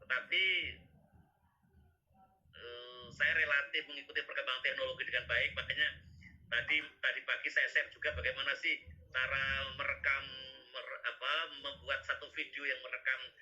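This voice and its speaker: A man's voice: medium pitch, flat delivery, normal speed, bright, forceful tone, dull audio. A man, lecturing a teachers' workshop over a video call in a rambling way, tagging his sentences with questioning asides. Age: 50s. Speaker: workshop instructor.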